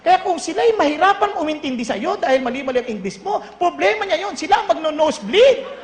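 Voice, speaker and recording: A Filipino man with a Filipino accent preaching a sermon, animated and often laughing as he tells stories, switching between Tagalog and English. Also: extremely high pitch, quick pace, echoey room, long reverb tail, a little hiss or hum. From Philippines. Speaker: pastor.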